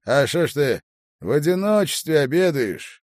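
A man voicing a cheerful middle-aged factory foreman, hearty and loud. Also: medium pitch, sing-song, a little slow, no echo, studio quality, voice pushed up. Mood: concerned.

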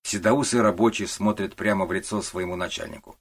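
Brief: male audiobook narrator, deep, slightly husky. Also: brisk. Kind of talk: scripted narration.

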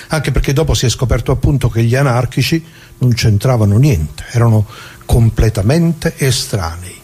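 In a radio play's dramatic monologue, a man acts the part of an old retired working man, his voice husky, mid-pitched and a little mellow. He rambles in a good-natured, colloquial way, repeats himself, and grumbles indignantly straight at the listener.

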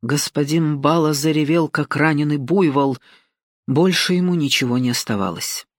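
A woman reads a novel aloud as an audiobook narrator. Her delivery is steady and even-paced, with a wry touch on the asides. The recording is close and dry, with no room sound. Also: low voice, moderate pace, no echo.

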